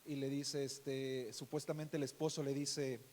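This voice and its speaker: A man pastor with a Mexican Spanish accent preaching a sermon, calling listeners beloved brother and asking "right?" often, swinging between loud emphasis and soft asides. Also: mid-range voice, little pitch movement, a little slow, big-room sound, a little hiss or hum. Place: church.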